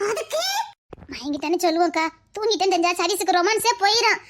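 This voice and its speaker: A woman with a Tirunelveli Tamil accent, speaking in a very high, bright voice. She chatters fast and schemes through a village comedy sketch. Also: a little hiss or hum.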